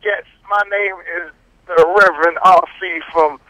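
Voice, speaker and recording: Reverend calling in by phone: a man, upbeat and gushing with thanks, slightly high-pitched, close and dry. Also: fairly even intonation, a little slow, pushed and bright, dry recording. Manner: effusive, grateful praise. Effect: heard over a phone line. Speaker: radio show caller, reverend. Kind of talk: call-in chat.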